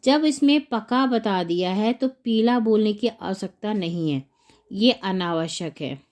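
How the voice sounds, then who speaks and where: Female teacher, unhurried delivery, sounds words out syllable by syllable for young pupils. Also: medium pitch, expressive, darkish tone. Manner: slow, spelling words out syllable by syllable. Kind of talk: textbook lesson walkthrough.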